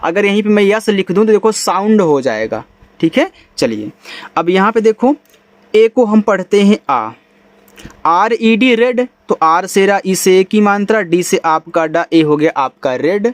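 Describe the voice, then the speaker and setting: A man teaching English reading, spelling words letter by letter, then saying them slowly. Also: high-pitched, lively intonation, no room sound. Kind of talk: spelling-out phonics lesson.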